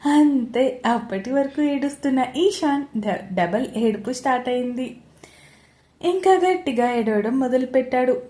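A woman storyteller reading a serialized romance story aloud in a steady, expressive way. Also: high voice, unhurried.

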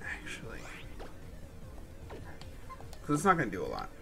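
Playing through a game with music in the background, a young man hosting a gaming channel chats casually despite a stuffy nose and sore throat, swearing and grumbling. His medium-pitched voice swoops wildly, gravelly, pushed and bright at a normal pace.

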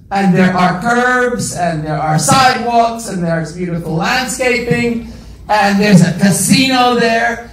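A middle-aged man speaks to an audience with energy and force, his voice set quite high. He is captured from across an echoey theatre, so he sounds distant and roomy. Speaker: event organizer, director of the environmental group. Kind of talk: speech to an audience. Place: theatre stage. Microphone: handheld mic, filmed from the audience.

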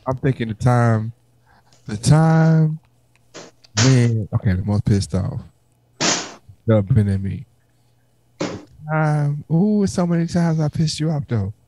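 A man co-hosting a podcast, joking around in relaxed casual banter. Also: mid-range voice, slow, long pauses, noisy background. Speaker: podcast co-host.

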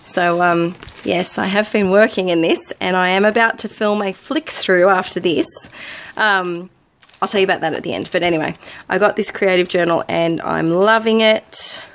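A woman's voice: on the low side, steady tone, normal speed. Chatty Australian woman showing her craft haul. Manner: chatty and enthusiastic, with frequent ums. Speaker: craft vlogger. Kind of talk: casual haul video.

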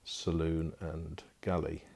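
A man's voice: extremely low pitch, completely flat delivery, slow pace, darkish tone, husky. A man giving a casual walkthrough tour of a barge interior as a boat broker, talking off the cuff with frequent fillers, recorded on a handheld phone inside wooden cabins.

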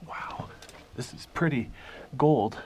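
A man quietly narrating as he explores a lava tube cave with a handheld camera, a little out of breath and muttering asides. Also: mid-range voice, takes it slowly, slightly rough. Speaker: cave explorer filming himself.

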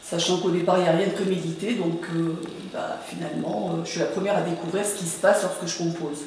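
A middle-aged woman from French Guiana, an artist and gallery owner, speaks hesitantly in an informal interview about her gallery, pausing long as she searches for words. Her voice is lowish, steady and darkish. The distant mic picks up a very echoey indoor gallery with hard floors and faint noise.

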